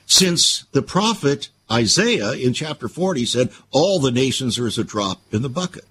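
Man, radio host, bible commentary, preachy, rhetorical questions, lively pitch. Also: moderate pace, a little hiss or hum.

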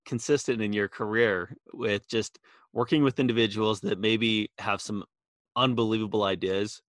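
An easygoing podcast host with a mid-range voice, asking questions in a relaxed interview. The sound is dry and close, and the host chimes in often with short replies and laughter. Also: medium pitch, moderate pace, no room sound. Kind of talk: casual interview.

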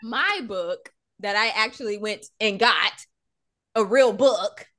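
A woman's voice: mid-range voice, takes it slowly, pushed and bright. Sassy woman hosting a podcast. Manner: sassy, playful, teasing. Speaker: podcast host. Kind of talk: casual podcast chat.

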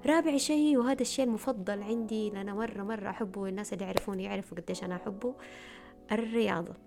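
A woman's voice: mid-range voice, racing, creaky, over music. A woman giving earnest self-help advice in a casual talk to camera, often repeating words for emphasis.

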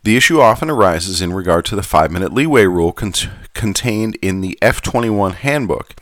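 A man voicing a genteel Southern gentleman who reads aloud in a measured, formal manner with a Southern US accent. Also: deep voice, animated, no echo, clean studio sound. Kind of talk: scripted reading.

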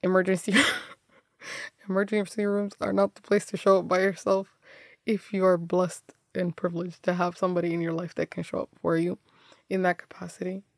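A young woman recounting her own hard times in a low, gravelly voice. She talks candidly and loosely, restarting her phrases and laughing between thoughts. The sound is dry and close to the mic. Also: monotone, moderate pace, dry recording. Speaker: podcast host telling her story. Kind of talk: personal storytelling monologue.

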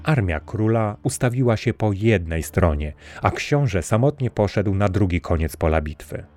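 Deep-voiced male fairy-tale narrator. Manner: measured, steady reading. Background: faint music.

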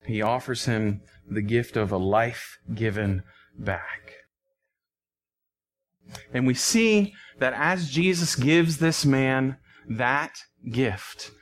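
A man speaking as a pastor, earnest and conversational, repeating phrases for emphasis as he preaches or prays. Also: mid-range voice. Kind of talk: sermon and closing prayer.

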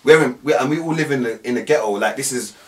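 A man's voice: medium pitch, quick pace. A man from London with a South London roadman accent, chatting casually in heavy street slang on a podcast panel. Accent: South London, multicultural street slang. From London, England. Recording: distant-miked voice.

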